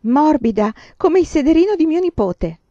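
A woman voicing a crowd of nosy village women, raising her voice into shrill, clamoring questions. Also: very animated, moderate pace, mellow, dry recording, highs cut off. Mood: eager, clamoring.

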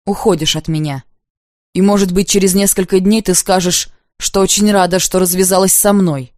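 A woman's voice: fairly low pitch, fairly even intonation, moderate pace, a little mellow, no echo, studio quality, lightly acted. A woman voicing a jealous young husband who speaks in a pleading, reproachful way.

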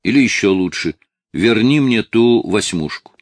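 A man voicing a desperate, tearful eighteen-year-old male addict who shouts and pleads with his father, in a dry, close recording. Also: lowish voice, animated, unhurried, dry recording. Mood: agitated.

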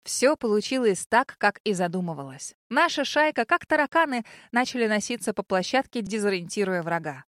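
A woman narrating a first-person fantasy audiobook in a lively, expressive manner. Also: mid-range voice, fairly quick, few pauses, no room sound, clean studio sound.

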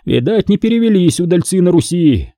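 Calm, sly old churchman, voiced by a male narrator; warm, husky, lively. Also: high voice, fairly quick, no echo, studio quality, pitched above the performer's own voice. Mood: calm mocking. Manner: calm, mildly mocking. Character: old grey-browed church leader, calm and shrewd.

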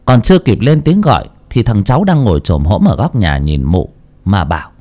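A man narrating a horror story in an expressive, dramatic storytelling style, then chatting jokily to listeners. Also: fairly low pitch, normal speed. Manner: expressive, lively delivery; jokey, chatty afterword. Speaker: audiobook narrator.

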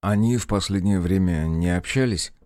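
A man voicing a polite, careful young male investigator in an audiobook, asking questions in a calm, measured way. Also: low voice, no echo, studio quality, close to an everyday voice.

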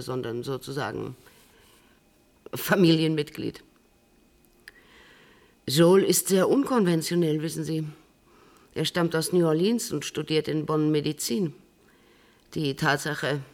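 An actress playing a composed, middle-aged woman held in custody, speaking in a measured, precise way in a radio drama. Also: low voice, heavily acted. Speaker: prisoner on remand giving an interview.

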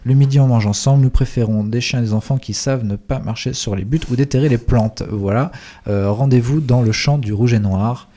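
A man's voice: medium pitch, fairly quick, mellow. A man on a community radio show reading out a series of event announcements. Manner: reads text with some fillers.

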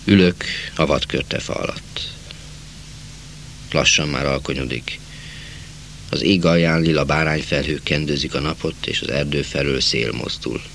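Deep-voiced man reading a novel. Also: creaky, a little hiss or hum. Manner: measured, slowing for quiet passages. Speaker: audiobook narrator.

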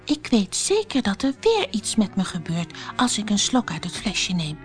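A woman's voice: medium pitch, wildly swooping pitch, moderate pace, soft background music. A woman voicing the young girl Alice in a storybook, thinking aloud to herself. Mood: wondering.

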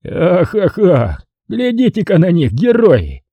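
A man playing a drunk brawling army officer, loud and cocky. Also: fairly high pitch, big pitch swings, moderate pace, dry recording, pitched above the performer's own voice. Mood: taunting. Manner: boisterous drunken bluster.

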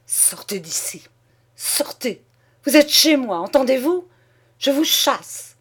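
A woman's voice: lowish voice, drawn-out words, fairly bright tone, heavily acted. Brief: woman doing a pale little clerk, stammering and overwrought. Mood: frantic. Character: small pale bald male clerk, frantic.

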